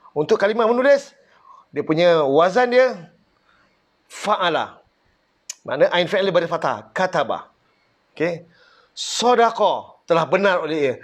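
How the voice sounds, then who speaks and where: Lively high-voiced Malaysian teacher. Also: male voice. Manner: drills vocabulary word by word, correcting mistakes. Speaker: Quranic Arabic teacher. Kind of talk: online grammar lesson.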